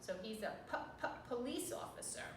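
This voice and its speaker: A high, animated woman's voice teaches preschoolers in a sing-song way, slowly sounding out words and encouraging with questions. She is a little off the mic in a roomy space with faint noise. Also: far from the mic. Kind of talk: virtual lesson for small children.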